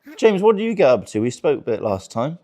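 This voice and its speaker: In a virtual-reality stand-up show, a twenty-something man crudely teases audience members and laughs a lot. His mid-range voice is dark in tone, fast, and sing-song.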